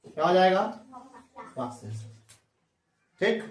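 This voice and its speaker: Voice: mid-range voice, big pitch swings, slow pace. A teacher giving a classroom lesson who drills pupils with repeated call-and-response questions and calls them children. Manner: addresses pupils as children, scolds chatter. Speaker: English teacher. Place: classroom with traffic outside. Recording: roomy classroom sound, distant mic, faint traffic noise.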